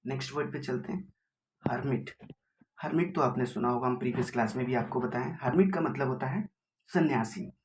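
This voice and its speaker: A man's voice: mid-range voice, brisk. An Indian male teacher runs an exam-prep vocabulary lesson in a mid-range voice. He explains patiently, keeps asking rhetorical questions and spells words letter by letter. A faint hiss of noise sits under the recording.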